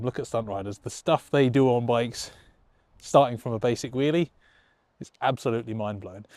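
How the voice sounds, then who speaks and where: In a dry recording, a man with a mellow, mid-range voice presents a motorcycle tutorial. A riding instructor and show presenter, he explains things in an enthusiastic, encouraging and conversational way.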